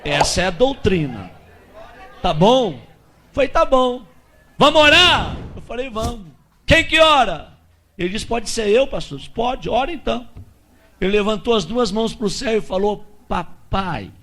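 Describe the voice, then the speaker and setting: A Brazilian man preaching as a pastor, telling a testimony with lively acted-out dialogue and shouted peaks. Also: high-pitched, moderate pace. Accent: Brazilian Portuguese. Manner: animated storyteller acting out dialogue, shouting at peaks.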